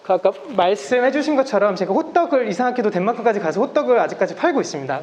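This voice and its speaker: A man's voice: high-pitched, dull audio. Man lecturing through a face mask, faint noise. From South Korea. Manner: polite, explanatory. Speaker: guest lecturer. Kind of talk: public lecture. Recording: masked live talk with background noise.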